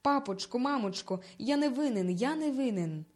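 A woman's voice: on the high side, lively intonation, normal speed, darkish tone. A woman voicing a timid, frightened little boy who pleads and protests in a storybook reading. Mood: pleading. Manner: pleading, fearful.

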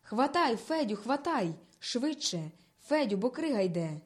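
A woman voicing an urgent village boy shouting encouragement during a rescue in a storybook reading. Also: a little high, very animated, unhurried.

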